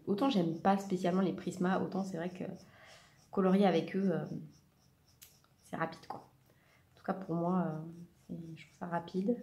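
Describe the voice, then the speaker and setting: The speaker, a woman in her thirties and a part-time teacher, colors while chatting loosely for her vlog, full of fillers and self-corrections. Her voice is medium in pitch with a darkish tone, and the recording echoes.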